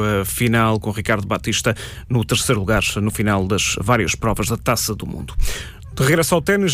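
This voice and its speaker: A man's voice: medium pitch, no room sound. A man with a European Portuguese accent presenting a live radio sports bulletin.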